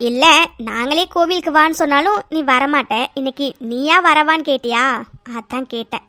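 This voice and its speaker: A woman voicing a calm, direct older mother-in-law in a cartoon who soothes and questions. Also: sits high, moderate pace, no room sound, studio quality. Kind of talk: cartoon voice acting.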